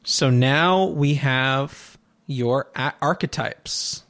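A man's voice: mid-range voice, drawn-out words, fairly bright tone. A man running a tabletop game as game master, explaining rules with dry teasing asides.

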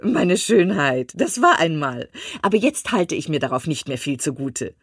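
Woman doing a shrill excitable mother. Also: moderate pace, husky, no room sound, studio quality, full character voice. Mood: excited, insistent. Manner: shrill, breathless insistence. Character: fussy excitable middle-aged mother, matchmaking. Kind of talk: audiobook reading.

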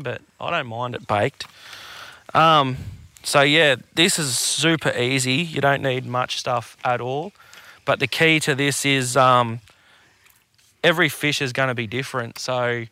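A man's voice: mid-range voice, creaky, sharp tone. A man with an Australian accent chatting casually as a podcast co-host, in a slangy, sweary, blokey tradesman way. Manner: laid-back blokey Aussie tradesman talk, slangy and sweary. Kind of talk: casual chat.

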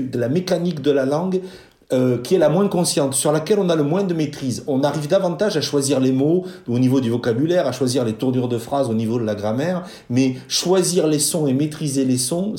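A man speaking as a linguist guest in an interview, explaining deliberately with frequent hesitations. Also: fairly high pitch, mellow, reverberant. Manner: measured, deliberate, many hesitations.

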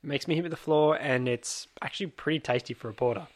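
A man's voice: on the high side, brisk. A young man hosting casual beer-tasting banter in a blokey, joking, sweary way. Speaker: show host.

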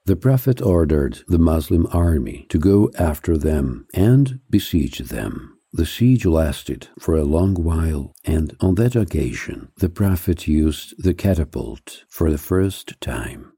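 A man narrates a scripted history in a steady, measured read that slows down to weigh each item of a list. His voice sits low and sounds very dark and mellow. It is recorded dry and close, with no room sound. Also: husky, no room sound. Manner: measured, even reading with slowed, stressed lists.

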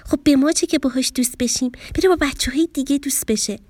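A woman's voice: sits high, a little mellow, dry recording, close to an everyday voice. A woman voicing a bossy, snooty girl fish schoolkid with a sulky, dismissive manner, in a children's story.

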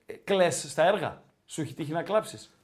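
A man hosting a casual football chat show, animated, reading out viewer messages and often repeating his phrases. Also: a little high. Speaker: podcast host.

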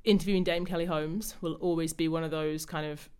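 A woman's voice: low-pitched, fairly even intonation, a little fast, darkish tone, clean tone. A woman hosting a podcast, talking enthusiastically and reflectively in a casual conversation. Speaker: podcast host.

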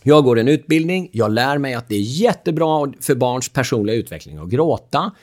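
Man, animated talk-show guest, lively pitch, playful storyteller. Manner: lively, acts out quotes, laughs often. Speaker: speaker on the drama triangle, a father.

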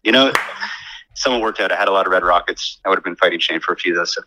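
A man's voice: deep voice, rapid-fire, sharp tone, a little hiss or hum, rough recording. A man talking over a phone on speakerphone, joking and teasingly grumbling in a casual chat. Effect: heard over a phone on speakerphone. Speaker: phone-in friend.

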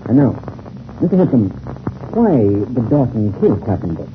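Male actor as steady older-brother adventurer, coaxing emphatic delivery, vintage radio drama, narrow-band sound, clear background noise. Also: mid-range voice, moderate pace, natural voice. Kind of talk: 1930s radio serial acting. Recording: tinny, noisy old radio recording.

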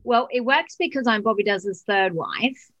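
A woman's voice: medium pitch, moderate pace, fairly bright tone. A middle-aged woman from Australia with an Australian accent, a guest chatting enthusiastically in a casual interview and telling stories. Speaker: guest, fashion and denim business owner.

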